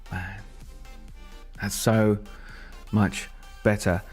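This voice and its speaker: A man's voice: on the low side, level tone, extremely slow, over music. A man thinking aloud and rambling as he codes on a casual live stream. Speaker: software developer live-streaming.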